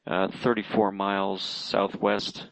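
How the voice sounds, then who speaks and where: Low, gravelly male pilot on radio. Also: flat delivery, dry recording. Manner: halting, hesitant phrasing. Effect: aviation radio transmission. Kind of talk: aviation radio calls to air traffic control. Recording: dull, narrow radio-band sound.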